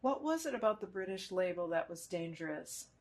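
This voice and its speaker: Woman interviewer, measured and formal, oral-history questions. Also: lowish voice, lively intonation.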